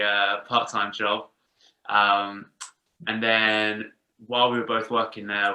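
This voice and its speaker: A man from England, a band member, telling the story of his band in a relaxed interview. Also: lowish voice. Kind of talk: casual interview answers. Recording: roomy echo.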